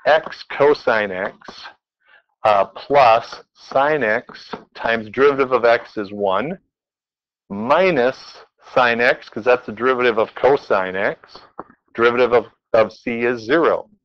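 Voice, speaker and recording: A man with a mid-range voice gives a math lecture in a classroom, working through examples aloud. He quizzes his students playfully along the way, and the audio sounds dull.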